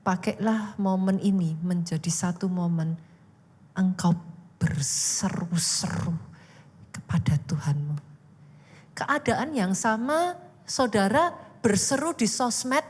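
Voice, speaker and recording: A woman pastor preaching an animated sermon, rising into loud exhortation, in a church. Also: medium pitch, slow. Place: church hall. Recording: echoey church hall.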